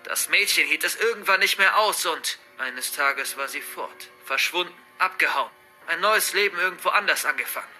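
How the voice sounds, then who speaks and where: A man voicing a masked, vengeful older father who mocks his captives and bursts into shouting. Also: fairly high pitch, expressive, moderate pace, soft background music, voice pushed up. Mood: bitter. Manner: menacing, mocking, bursts into shouting.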